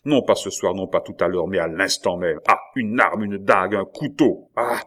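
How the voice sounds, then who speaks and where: A man reading aloud, voicing a feverish, volatile young king who is bitter and quick to rage, in an agitated, declamatory way. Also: low voice, natural voice. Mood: wrathful.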